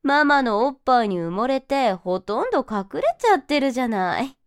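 A woman's voice: high-pitched, sing-song, moderate pace, clear, resonant tone, no echo, studio quality. A woman voicing a domineering, motherly figure in an audio role-play, who flips between sweet coddling and cold scorn. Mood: teasing. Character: teasing domineering motherly woman, mocking then soothing.

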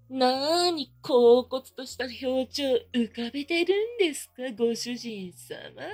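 In an adult roleplay, a high-voiced woman plays a maid, using polite maid phrasing with a mocking, teasing manner and giggling often.

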